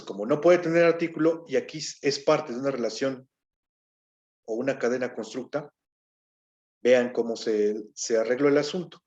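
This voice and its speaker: A man's voice: medium pitch, muffled recording. A man teaching a grammar lesson, explaining step by step and often checking in with his listeners. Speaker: Hebrew teacher.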